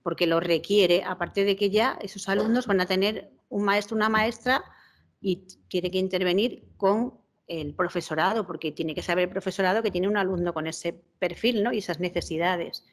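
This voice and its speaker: A woman's voice: mid-range voice, normal speed. A woman with a Spanish accent on a panel, explaining and checking in with listeners. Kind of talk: panel talk answering questions.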